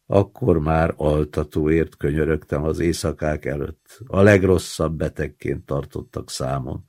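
A man narrating a first-person literary story in a measured, subdued reading voice. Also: deep voice, creaky, a little mellow. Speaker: audiobook narrator.

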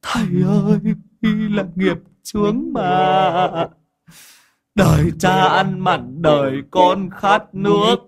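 A tormented old man's ghost, put on by a male storyteller, begging in a thin, raised voice with a lilt. He drags out every plea slowly and sobs his way through the lines. It is an audiobook ghost story. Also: high voice, expressive, voice pushed up, heavily acted. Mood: lamenting. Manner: pleading, sobbing plaintive delivery.

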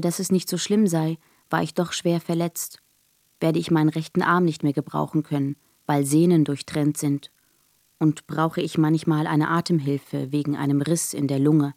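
A woman's voice: sits low, mellow, no echo, studio quality. A wounded, desperate young woman. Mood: subdued. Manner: halting, short fragmented phrases. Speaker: first-person narrator of a radio drama. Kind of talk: scripted radio drama monologue.

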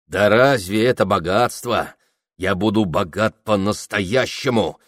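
A boastful, awkward young man, as an audiobook reader plays him, talks eagerly about the riches he means to win. The voice is low and close, recorded dry. He sounds keen and sure of himself, and sulky when teased. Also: unhurried, a bit bright, no echo. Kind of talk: audiobook character reading.

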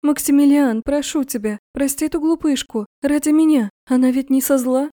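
A woman voicing a proud, queenly young woman pleading softly in a fantasy story. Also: sits high, moderate pace, lightly acted. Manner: pleading, soothing.

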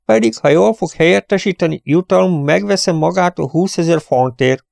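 A man's voice: mid-range voice, vocal fry, darkish tone, dry recording, clean studio sound, voice pushed up, close to an everyday voice. A man voicing a cheerful, dignified prince who turns mock-stern. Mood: jovial. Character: jovial, dignified, scheming male prince.

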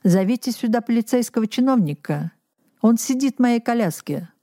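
A woman's voice: fairly low pitch, a little slow, warm tone, natural voice. Brief: woman reader as a cold aristocratic official, clipped commands. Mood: stern. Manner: curt and commanding.

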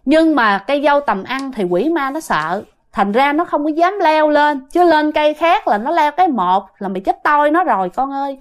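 A blunt old village woman speaks in a Southern Vietnamese accent, as a woman storyteller takes her part. Her talk is plain and scolding, in a fairly high, lively voice. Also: normal speed, few pauses.

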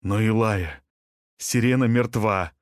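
Low firm detective voice, urgent and steady, as a male reader puts him on, dry close sound. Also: takes it slowly, no echo. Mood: urgent firmness. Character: man, shaken police detective.

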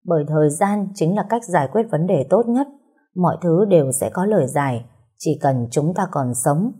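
A woman reading a story aloud in a calm, steady, gently sad way. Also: low voice, normal speed, breathy edge. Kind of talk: scripted story narration.

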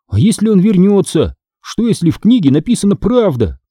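A man's voice: sits high, sing-song, brisk, warm tone, breathy edge, no room sound, studio quality, voice pushed up, full character voice. A man voicing a timid little boy who sulks and grumbles sheepishly.

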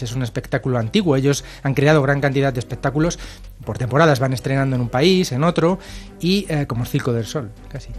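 A man hosting a radio show, talking informally with fillers. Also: medium pitch. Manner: chatty, informal, hesitant with fillers. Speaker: radio host. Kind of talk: radio presenting.

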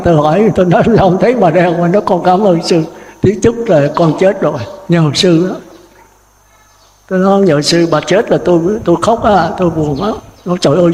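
Echoey high-voiced monk preaching. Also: male voice. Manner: folksy storytelling with laughs, animated. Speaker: Buddhist monk giving a dharma talk. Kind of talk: sermon. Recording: echoey hall.

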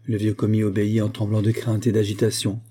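A male audiobook narrator reads a classic novel in a measured, even way. His voice is lowish, dark and mellow, with a husky edge.

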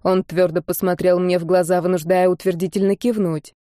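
A woman narrating a first-person fantasy audiobook in a steady, expressive reading. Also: on the low side, brisk, dry recording, clean studio sound.

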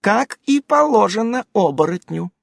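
A man putting on a wheedling young fox-witch woman from a storybook, whining in a high, lively voice, set close in a dry room. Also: measured pace, creaky, no room sound, heavily acted. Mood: whiny. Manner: whining, ingratiating.

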